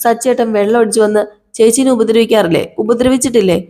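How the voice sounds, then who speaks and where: A woman's voice: on the high side, fairly even intonation, quick pace, dark tone, voice pushed up, lightly acted. A woman voicing a bitter young man in a TV serial retelling who accuses his brother-in-law.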